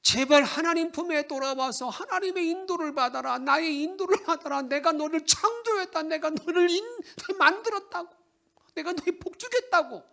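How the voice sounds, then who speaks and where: A man's voice: very high-pitched, normal speed, creaky, sharp tone, pitched above the performer's own voice, full character voice. A man preaching voices God as an exasperated father who begs his people to come back. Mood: pleading. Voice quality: raised, impassioned, strained pleading.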